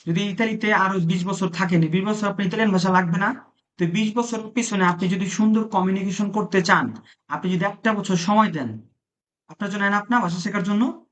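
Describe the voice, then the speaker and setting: This man's voice is high and fairly bright as he teaches a language lesson in a classroom, quizzing students and echoing back what they say. The lesson is live-streamed, captured in dull, lo-fi classroom audio.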